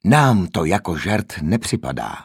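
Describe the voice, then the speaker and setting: A man's voice: lowish voice, very animated, husky, no room sound, clean studio sound, heavily acted. A man voicing a stern hospital nurse who speaks firmly and insistently. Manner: stern, firm.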